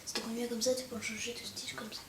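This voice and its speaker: High-voiced woman chatting over a game. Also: flat delivery, fast, distant mic. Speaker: gaming video host. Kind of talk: casual game commentary. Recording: echoey room, off mic, noisy, clicks.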